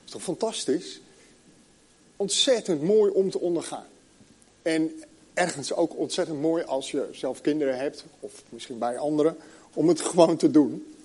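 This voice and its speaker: Middle-aged male preacher, slightly high voice, slow deliberate scripture reading with pauses. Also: dark tone, husky. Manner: storytelling, then reading scripture slowly with long pauses. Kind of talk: sermon.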